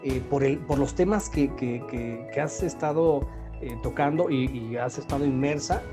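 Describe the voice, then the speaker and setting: An interview host introducing a guest at length and asking questions, pausing and restarting often. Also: mid-range voice, over music. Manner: warm praise, many hesitations and restarts.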